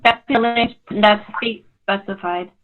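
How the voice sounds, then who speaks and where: A woman's voice: mid-range voice, fairly even intonation, unhurried, faint music behind. A woman commenting at a public meeting over a phone line that keeps breaking up into choppy dropouts, speaking earnestly with many fillers. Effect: phone connection breaking up, choppy dropouts. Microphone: phone call.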